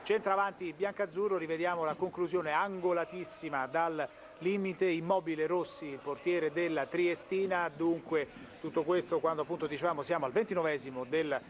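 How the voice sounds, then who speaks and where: A man's voice: on the high side, steady tone, moderate pace, few pauses. A man working as a football commentator, giving live goal updates and describing replays. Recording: loud outdoor stadium noise.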